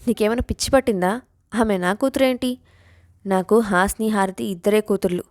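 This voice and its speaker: A woman puts on a gruff, suspicious father in a storybook tale, snapping his questions out in short bursts. The sound is dry and close. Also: medium pitch, level tone, moderate pace, dark tone, no echo, lightly acted. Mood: irritated. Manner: irritated, brusque. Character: irritable suspicious middle-aged father.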